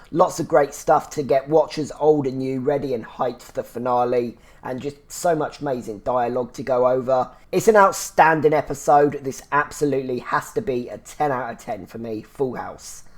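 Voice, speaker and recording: This podcast host reviews a TV series on his own in a relaxed, rambling way, forever restarting with "so yeah." His voice is medium in pitch and a little mellow, with a slightly phlegmy, congested quality, and he talks at normal speed with few pauses.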